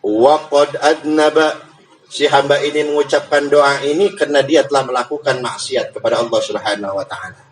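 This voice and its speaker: A man preaching a sermon in a lively, joking way, slowing down to recite Arabic. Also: mid-range voice, poor audio. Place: mosque or prayer hall.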